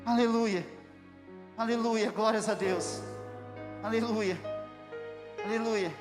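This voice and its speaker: A man preaching an impassioned sermon, bursting into shouted praise. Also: sits high, steady tone, slow pace. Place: church hall. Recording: echoey church hall with music.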